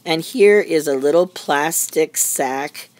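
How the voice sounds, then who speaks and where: A woman's voice: low-pitched, takes it slowly, darkish tone. A middle-aged woman chats casually as she shows off things she has made. Her talk rambles along and is easily amused. The sound is dry, with very little room echo. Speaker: craft maker showing handmade journals. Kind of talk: casual show-and-tell. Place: indoors at a craft desk.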